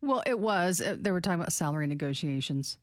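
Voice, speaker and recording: A woman in her sixties co-hosting a radio talk show, good-humored and quick to laugh in casual banter. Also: fairly low pitch, expressive, no room sound, studio quality. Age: 60s. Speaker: radio co-host.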